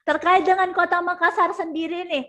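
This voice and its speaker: High-voiced woman hosting an interview. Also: fairly even intonation, brisk, fairly bright tone. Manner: polite, wordy questioning. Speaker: interview host.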